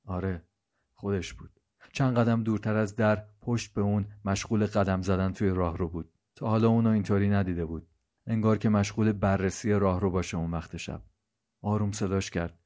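A man with a fairly low voice narrates a scripted story. His delivery is slow, measured and hushed. He keeps a steady storytelling tone throughout.

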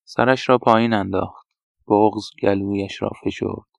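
A man narrating a story in a quiet, even storytelling voice. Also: fairly low pitch, creaky, dry recording. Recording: dull, dry lo-fi recording.

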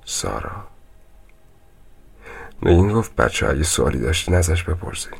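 A man playing a grim storyteller in a horror radio drama, recounting a ghost encounter in a slow, hushed voice that often drops to a whisper. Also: low-pitched, sing-song, creaky, slightly rough, exaggerated voice. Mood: dread. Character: grim older man in a hospital, warning a visitor.

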